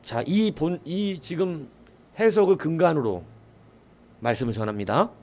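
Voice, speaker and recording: Animated, higher-voiced male pastor preaching. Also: a little slow. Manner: asks the congregation questions and answers them; acts out quoted voices in a raised voice. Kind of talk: sermon.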